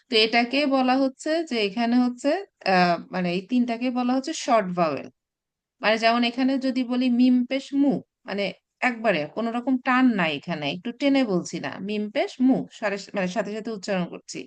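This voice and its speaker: A woman teaching a recorded Arabic class, explaining patiently with many pauses and restarts, mixing in English terms. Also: fairly high pitch. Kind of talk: recorded online class lecture.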